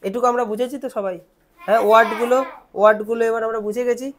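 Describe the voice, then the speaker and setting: Brief: young Bengali-accented woman, classroom teacher, high voice, asks and answers her own questions. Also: steady tone, slight background noise. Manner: asks questions and answers them herself, repeats words slowly. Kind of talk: classroom lesson explanation.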